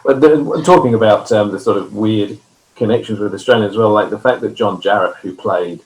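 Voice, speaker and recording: Low-voiced chatty panel moderator. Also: male voice, brisk, darkish tone, rough recording. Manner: chatty, laughs easily, jumps in. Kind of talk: online panel discussion. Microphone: video call.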